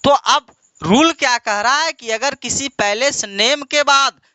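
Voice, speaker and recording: A man's voice: extremely high pitch, pushed and bright, clear, resonant tone, dry recording. A man from India teaching an English grammar lesson, repeating words and quizzing his students in a call-and-response way, calling them "my dear". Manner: asks questions and answers them himself, drawn-out repetition.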